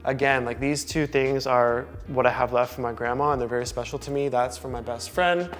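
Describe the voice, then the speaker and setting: A young man, casually talking through a tour of his loft apartment in a relaxed way, with lots of filler words. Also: mid-range voice, brisk, faint music behind. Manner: chatty, relaxed, full of "like" and "um" fillers. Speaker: vlogger giving a home tour. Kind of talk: casual home tour talk. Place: large loft apartment indoors.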